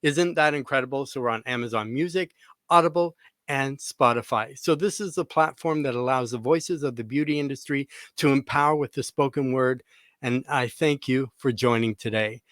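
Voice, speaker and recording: A man's voice: medium pitch, moderate pace, fairly bright tone, dry recording, clean studio sound. A man hosting a podcast, speaking in an upbeat, chatty way with plenty of fillers. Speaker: podcast host. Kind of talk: casual podcast interview.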